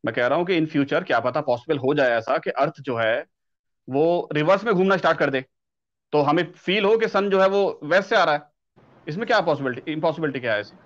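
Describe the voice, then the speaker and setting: A fairly high-pitched man who speaks fast and earnestly, arguing his side in an online debate. His voice comes through dull, lo-fi call audio. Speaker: debate guest.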